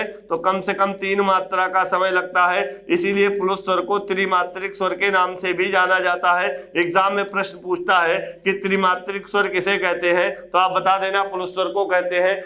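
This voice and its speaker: A man's voice: high voice, fairly bright tone. A man teaching Hindi grammar in an exam-prep video lecture, asking the class questions and answering them himself while writing on a board.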